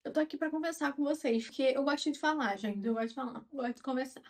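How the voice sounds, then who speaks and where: A woman in her twenties with a Brazilian Portuguese accent, chatting calmly and openly to her viewers like a friend. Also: high voice, quick pace. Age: 20s. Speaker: vlogger. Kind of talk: casual chat to camera.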